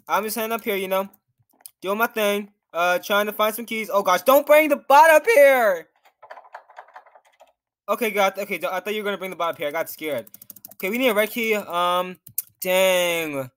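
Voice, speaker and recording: A young man, a gaming YouTuber, nervously comments on his own gameplay, talking to himself and reacting to what's on screen. His voice sits high with a fairly bright tone, and he comes across as jittery.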